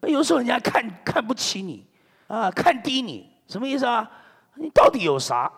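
A middle-aged man from China, a pastor preaching a sermon in an animated, joking way, dropping in amen and hallelujah often. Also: very high voice, normal speed, slightly rough, long reverb tail.

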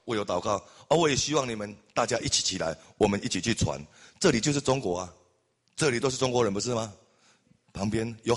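Guy preaching in a church, fired up, keeps shouting amen. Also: mid-range voice. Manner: impassioned, building to loud exclamations with repeated amens. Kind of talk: sermon.

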